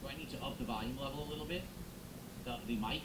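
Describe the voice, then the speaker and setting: A medium-pitched man talks quickly into a close XLR microphone during a live stream, casually chatting with viewers, thanking them, and thinking out loud. The room is echoey and has background noise.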